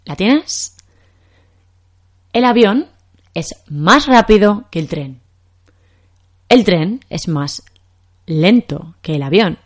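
A woman's voice: mid-range voice, expressive, slow, pauses often. A young woman from Spain with a Castilian accent, teaching Spanish in a podcast lesson and explaining patiently with examples.

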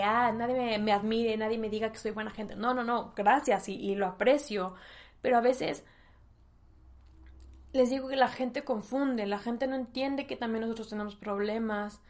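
A young woman with a Mexican accent hosting a personal podcast monologue, candid and emotional, sometimes close to tears. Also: on the high side. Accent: Mexican Spanish. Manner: emotional, tearful at times, candid and slangy. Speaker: podcast host.

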